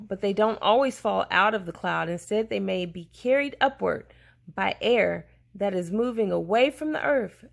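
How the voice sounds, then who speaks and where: A woman with a mid-range, gravelly voice reads a children's science book aloud to a child. She explains things deliberately and pauses to answer questions.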